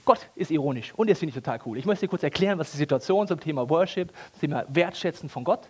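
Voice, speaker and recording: A man's voice: a little high, fast, breathy edge. A man preaching a casual, ironic sermon with everyday language and humor. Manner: animated, ironic, colloquial.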